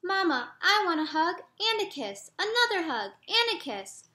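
A woman voicing a small, frightened young frog boy in a storybook read-aloud, pleading in a high voice. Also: big pitch swings, normal speed, sharp tone, reverberant, full character voice. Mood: pleading, scared.

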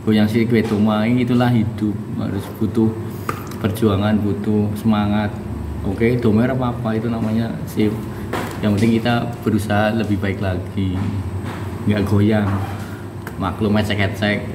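Holding his phone at arm's length in a small room with bare walls, a thirtysomething vlogger with a Javanese accent unboxes something while chatting, laughing often and preaching a bit. He speaks in a lowish, level voice at a measured pace; the sound is echoey, distant-miked and noisy.

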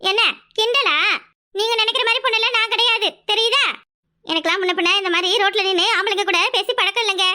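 A stern young village woman with a southern Tamil accent in a cartoon. Her voice is very high and bright, and she talks rapidly and curtly. She is dutiful and scolds easily. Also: steady tone, heavily acted. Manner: curt, sharp-tongued, scolding. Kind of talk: cartoon voice acting.

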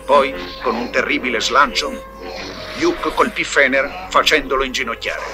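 A man narrates a recorded storybook tale from a script, speaking at a medium pitch and moderate pace. Music plays beneath his voice.

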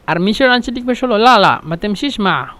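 A man, teaching a spoken Arabic lesson patiently, repeating phrases and filling pauses with "meaning". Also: high-pitched, expressive, sharp tone, no echo.

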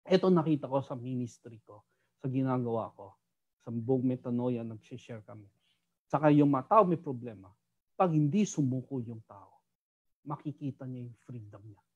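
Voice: medium pitch, moderate pace, slightly rough, dull audio. A Bible study teacher with a Filipino accent, mixing Tagalog and English and often asking "di ba?" to the group. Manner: animated, keeps asking "di ba?".

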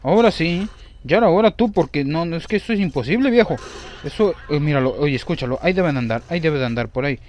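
Excitable young man. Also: a little high, quick pace. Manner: excitable, exclaims and repeats himself. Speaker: gameplay commentator. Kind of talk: live gameplay commentary.

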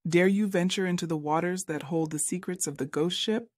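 A man reading a scripted spooky story as narrator, with an even, dramatic storytelling delivery. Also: high voice, fairly quick, dry recording, clean studio sound.

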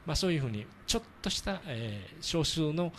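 A man hosting a church radio talk show, explaining patiently in a halting way with many fillers. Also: on the high side, lively intonation, slight background noise.

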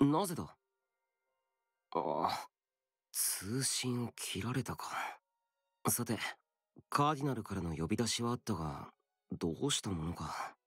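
A man voicing a calm, terse young male swordsman hero in an anime game. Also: on the low side, normal speed, pauses often, husky, dry recording, clean studio sound, exaggerated voice.

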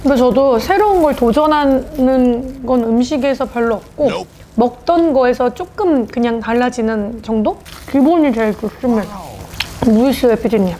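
A woman's voice: fairly high pitch, moderate pace, dark tone, slight background noise. Woman mukbang host, mouth full. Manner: chatty, addresses viewers directly. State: talking with food at lips. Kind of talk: casual mukbang chat with viewers.

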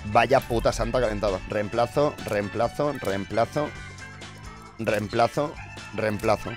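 A young man from Spain with a Spanish accent, commentating his gaming and breaking into loud cheers, his voice going hoarse. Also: fairly low pitch, a little slow. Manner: excitable, bursts into loud cheering and shouting. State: losing his voice. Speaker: gaming streamer. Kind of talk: excited gameplay commentary. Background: background music.

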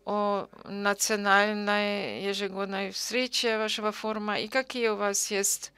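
A woman giving simultaneous conference interpretation, halting, with frequent pauses and self-corrections. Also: mid-range voice, level tone, bright, forceful tone, smooth, dry recording.

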